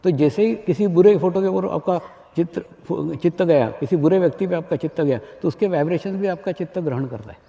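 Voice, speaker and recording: With a high-sitting, dark-toned voice and a somewhat quick delivery, this spiritual teacher gives a discourse before a crowd in a big hall, echoing his own phrases and asking rhetorical questions. The archival recording is lo-fi, muffled and reverberant.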